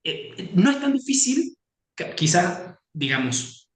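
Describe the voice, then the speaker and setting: A man's voice: sits high, sing-song, slow, reverberant. A man speaking as a political consultant on a webinar panel, analytical and fluent with frequent "eh" hesitations, over a video call.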